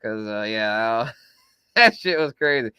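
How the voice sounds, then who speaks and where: A man's voice: lowish voice, animated, slow pace, sharp tone, clear, resonant tone, no echo, clean studio sound. A man hosting a live fantasy football stream, talking casually in slang and laughing often. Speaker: podcast host.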